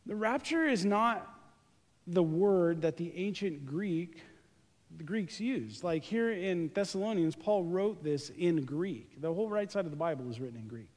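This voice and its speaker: A man preaching a sermon as a pastor, animated and joking, with casual slang between points. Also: high-pitched, measured pace. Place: church sanctuary. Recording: reverberant church hall.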